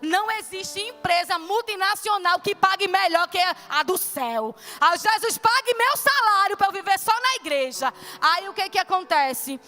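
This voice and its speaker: A woman's voice: extremely high pitch, expressive, moderate pace, bright, forceful tone. A woman preacher giving a fervent, exclamatory testimony sermon to her church congregation. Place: church service.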